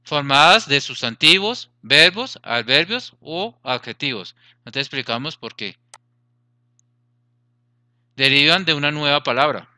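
A man's voice: on the high side, lively intonation, a little slow, long pauses, sharp tone, dry recording. A man teaching a grammar lesson, explaining patiently, repeating points and checking that students follow.

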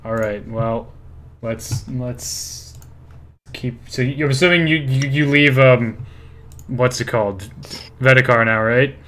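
A man's voice: mid-range voice, takes it slowly, long pauses, a bit bright, slight background noise. A man running a tabletop game as game master, narrating and asking questions in a casual way. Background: faint music.

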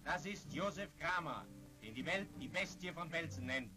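A man delivers old newsreel narration in a high-pitched voice, formal and declamatory. The soundtrack is vintage 1940s film audio, with loud music running behind him. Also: animated, moderate pace.

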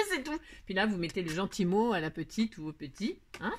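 A woman's voice: fairly low pitch, a little fast. A woman hosting a casual scrapbooking tutorial at home, chatting to viewers in a rambling, self-mocking way as she works. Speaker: craft tutorial host.

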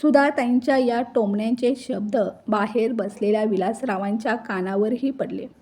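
A woman narrating an emotional family story in a measured, feeling way. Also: on the high side, darkish tone, slightly rough.

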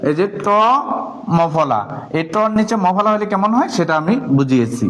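High-voiced male madrasa teacher. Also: expressive. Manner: leads call-and-response drills, slow chanted rhymes. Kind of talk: classroom lesson for teachers. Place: classroom with a board.

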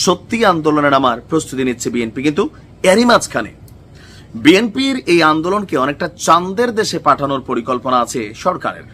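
A man's voice: fairly high pitch, fairly bright tone. A man with a Bangladeshi accent gives informal news commentary in an emphatic way, driving points home with repetition and rhetorical questions.

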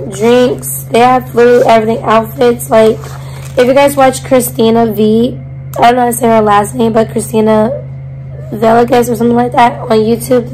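A woman in her twenties chatting casually to her vlog, her voice hoarse with a smoker's rasp as if half lost. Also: on the high side, a little mellow, rough recording. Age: 20s. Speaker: vlogger. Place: hotel-like bedroom, indoors. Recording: noticeable background hum and noise.

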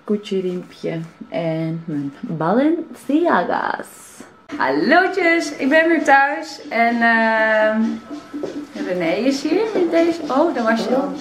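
A woman's voice: fairly high pitch, lively intonation, slow pace. A young woman with a Netherlands Dutch accent chatting casually to a handheld camera as a vlogger. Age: young adult. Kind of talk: casual vlog chat to camera. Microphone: handheld camera at arm's length. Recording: clear background noise, handheld camera.

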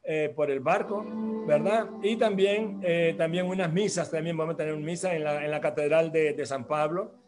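Church program host, male, high voice, halting and repetitive delivery, soft music bed. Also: steady tone. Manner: rambling, hesitant, with many restarts and tag questions. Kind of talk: announcements and church talk.

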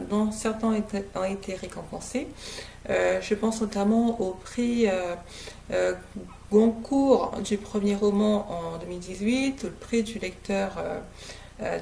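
A woman's voice: mid-range voice, measured pace, vocal fry, darkish tone, slight background noise. A woman from French Guiana reviewing a novel to her webcam at home, hesitant and full of filler sounds. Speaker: book reviewer. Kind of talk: casual book review to camera. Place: living room at home, indoors. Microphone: laptop webcam, seated close.

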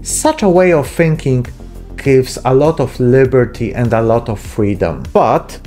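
This is the miniature painting channel host again, a man in his thirties talking through a relaxed, self-mocking hobby tutorial into a close desk mic with a pop filter in a small room. Here his voice is mid-range and dark-toned, with a measured pace. Faint music runs behind him.

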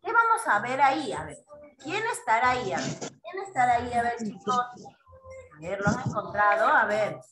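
A woman's voice: on the high side, big pitch swings, moderate pace, reverberant, music in the background. A woman teaching young children in an online class over a video call, patient and coaxing, asking the same questions again and again.

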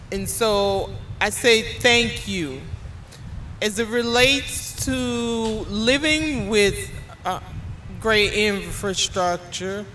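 Brief: woman, community organizer on a panel, measured and unhurried, bright, forceful tone, earnest. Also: medium pitch, slight background noise. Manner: earnest, emphatic advocacy. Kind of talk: public panel discussion.

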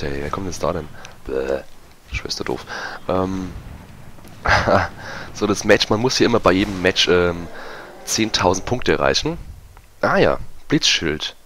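A man giving casual, self-mocking commentary over a multiplayer match, his voice going hoarse. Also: deep voice, a bit bright, slight background noise. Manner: chatty, self-mocking, many fillers. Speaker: gaming YouTuber. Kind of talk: casual let's-play commentary.

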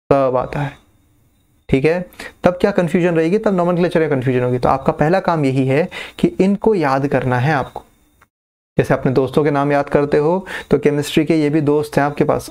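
Male chemistry tutor, somewhat high and gravelly, drawls key terms, keeps checking in with students. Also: a little mellow. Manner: coaxing, checks understanding often; repeats key terms slowly. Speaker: chemistry teacher. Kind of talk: casual classroom explanation.

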